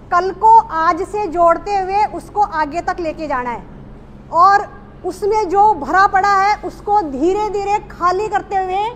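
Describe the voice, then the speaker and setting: A woman's voice: very high voice, a bit bright, a little hiss or hum. A woman speaking to a small group at a speaking workshop, reflecting on what she has learned, hesitant, with many fillers and restarts. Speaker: workshop participant.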